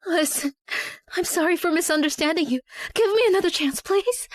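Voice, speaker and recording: Casting: a remorseful young woman, extremely high-pitched, desperate and pleading, short-drama dub, dry studio sound. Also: brisk, no room sound. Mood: anxious pleading. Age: young adult. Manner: pleading, emotional.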